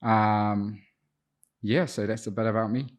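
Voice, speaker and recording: Heard with a lo-fi sound, an Auckland addiction counsellor in his thirties reflects on his personal story as a podcast guest, hesitating at times. He grew up speaking Te Reo Māori and has a New Zealand accent; his lowish voice keeps fairly even intonation and moves a little slowly.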